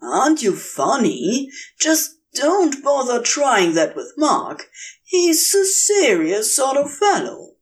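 A woman's voice: sits high, very animated, takes it slowly, pitched above the performer's own voice, heavily acted. A woman reading a story aloud, voicing a man's overbearing, mockingly cheerful brother. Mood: pushy cheerful. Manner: bright, insistent, mockingly cheerful. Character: pushy, overbearing grown brother, male.

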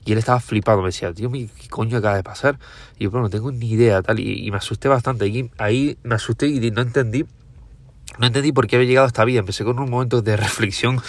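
A young man talks to his listeners at a rapid clip, loose and informal, throwing in swear words and calling them "guys" all the time. His voice sits at an ordinary pitch, and the sound is dry and close with no room around it. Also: dry recording. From Tenerife, Canary Islands, Spain. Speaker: podcast host. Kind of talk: casual monologue to listeners.

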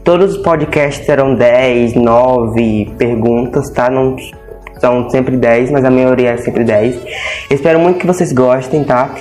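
A man's voice: mid-range voice, unhurried, a little mellow, soft background music. Chatty Brazilian podcast host, man. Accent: Brazilian Portuguese. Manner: chatty, repeats "tá?" often. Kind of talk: casual podcast interview.

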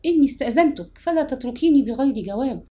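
Brief: woman voicing a nervous, stammering young man in an audiobook, lively pitch. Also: brisk. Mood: nervous pleading. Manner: stammering, pleading. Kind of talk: audiobook reading.

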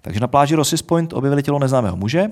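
Male co-host, mid pitch, dry explanatory storyteller. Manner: wry, explanatory, deadpan asides. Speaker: podcast co-host. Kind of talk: casual chat, storytelling.

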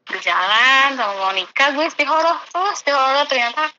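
A woman's voice: sits high, expressive, fairly quick, sharp tone. A young woman, chatting casually about her own life as a guest. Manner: chatty, uses Jakarta slang. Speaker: guest telling her story. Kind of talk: casual chat. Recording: muffled with clear background noise.

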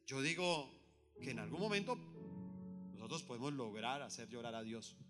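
A man's voice: medium pitch, expressive, normal speed, in a large hall, over music. A man preaching a sermon in a conversational way, often asking his listeners rhetorical questions.

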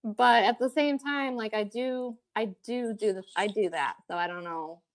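A woman chatting casually as a podcast co-host, relaxed and giggly, with frequent hesitant fillers. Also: on the high side, normal speed. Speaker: podcast co-host, vet tech. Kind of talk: casual chat.

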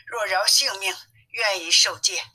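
A woman's voice: medium pitch, measured pace, sharp tone, slightly rough, full character voice, rough recording. A woman voicing an arrogant young demon king in a storybook reading, sneering and boastful in speech. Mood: pleading.

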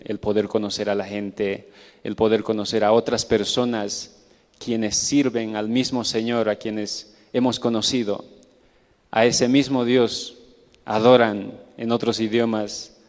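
Slow, monotone man in a hall. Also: on the low side. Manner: hesitant, pausing often. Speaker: church missionary giving testimony. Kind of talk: church testimony and thanks. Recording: echoey hall with long reverb.

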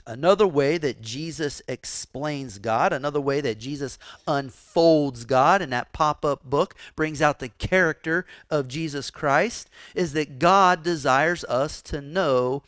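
A male pastor preaching a sermon, telling stories with animated, acted-out quotes. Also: a little high, a little slow, hardly any pauses, no echo, clean studio sound. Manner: animated storytelling, acts out quoted voices.

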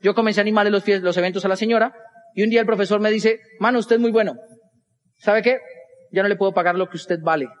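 In a large hall, a young stand-up comedian with a high voice and Colombian Spanish accent tells an animated story. He performs the other voices himself, switching between them fast.

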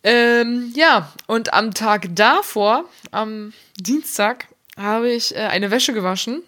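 A young adult woman hosting a podcast, telling a casual story in a lively, self-mocking way with slang and swearing. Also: fairly high pitch, takes it slowly. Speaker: podcast host.

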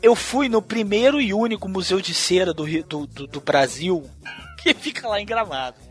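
Animated profane Brazilian man telling stories. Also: high-pitched, normal speed, faint music behind. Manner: profane, animated storyteller who acts out quotes. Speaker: podcast host. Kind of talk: casual storytelling.

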